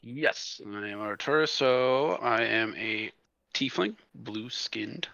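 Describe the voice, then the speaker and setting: A man playing a tabletop game, describing his character slowly with crude jokes. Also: medium pitch, creaky, bright, forceful tone, no room sound, lo-fi sound. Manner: slow, joking, crude. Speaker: player.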